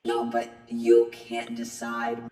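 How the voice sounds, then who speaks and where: A woman's insistent voice run through a clangy robot voice filter that drops it far down in pitch. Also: completely flat delivery, slow, warm tone, echoey room, long reverb tail, soft background music. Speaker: demo voice sample.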